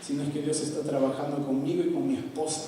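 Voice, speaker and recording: A man from Peru, preaching a sermon, swinging between loud emphasis and soft asides. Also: a little high, fairly even intonation, fast, slight background noise. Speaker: pastor. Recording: echoey hall, from far off.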